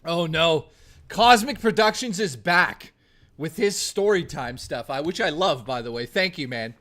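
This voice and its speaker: A man's voice: on the high side, expressive, unhurried, fairly bright tone. A man chatting casually on a live stream, joking, swearing and answering chat messages. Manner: profane, joking, teasing.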